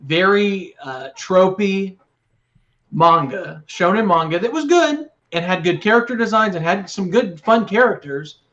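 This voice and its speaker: Excitable high-voiced man, lo-fi. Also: a little slow. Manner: enthusiastic, excitable. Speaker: podcast co-host. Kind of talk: casual chat.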